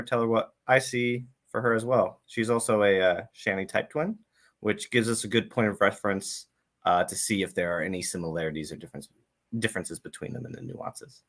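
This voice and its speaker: A man opens and steers a live-streamed interview, introducing his guest in a relaxed, informal way. His voice sits somewhat low, and he fills his pauses with frequent uhs. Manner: easygoing, frequent uh fillers. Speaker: interview host. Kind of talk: casual live-stream hosting.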